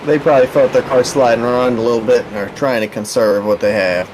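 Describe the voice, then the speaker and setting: A man giving color commentary on a live race, with measured, analytical talk and hesitant pauses. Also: medium pitch, fairly even intonation, background noise.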